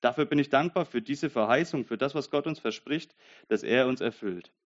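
A young man delivers a heartfelt sermon, often dropping to a near-murmur before surging into loud, forceful emphasis. His voice sits at an ordinary middle pitch. The recording sounds a little dull and muffled. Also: fairly quick. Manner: earnest, swings from soft intimate passages to loud emphatic bursts; reads Bible verses aloud. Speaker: preacher.

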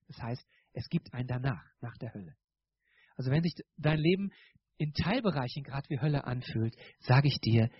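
A man's voice: mid-range voice, slightly rough, dry recording, muffled recording. A middle-aged man preaching a sermon in a church, speaking directly to the congregation with frequent restarts.

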